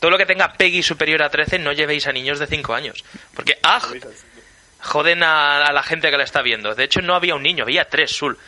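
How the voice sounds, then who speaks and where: A man's voice: on the high side, quick pace. A man giving opinions and jokey stories on a casual film podcast. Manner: animated storyteller, jokey. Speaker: podcast co-host. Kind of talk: casual film-review chat.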